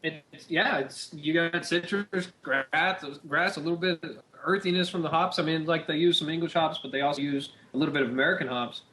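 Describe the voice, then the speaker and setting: A man with a slightly high voice co-hosts a relaxed beer-tasting chat. He rambles in an easygoing way and fills his pauses often. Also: slight background noise. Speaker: podcast co-host.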